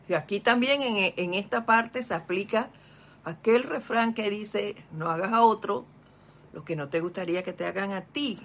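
An older teacher leads a spiritual lesson at a very slow, deliberate pace, stretching key words. The voice is bright and forceful. The recording sounds dull and lo-fi. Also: mid-range voice. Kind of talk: spiritual lesson, reading a text aloud and commenting.

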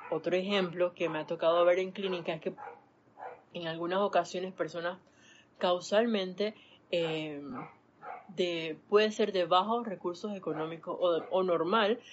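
A woman's voice: on the low side, fairly even intonation, unhurried. A woman giving a spiritual talk on a live stream, animatedly acting out everyday scenes as she teaches. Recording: dull lo-fi sound, faint background noise.

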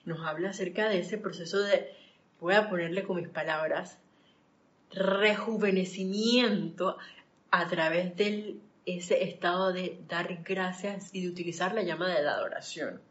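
A woman's voice: fairly low pitch, steady tone, a little slow, muffled recording. Chatty woman leading a class. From Panama. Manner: chatty, warm greetings to viewers, digressive anecdotes. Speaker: spiritual study group leader. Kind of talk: live-streamed study class.

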